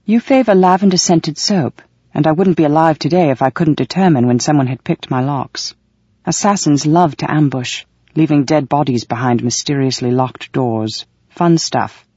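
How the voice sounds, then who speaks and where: Reader voicing a cool, scheming man in authority, calm and wry, mellow voice, audiobook. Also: on the high side, normal speed, husky, no room sound, dull audio. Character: cool, calculating male official, dryly amused. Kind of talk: audiobook reading.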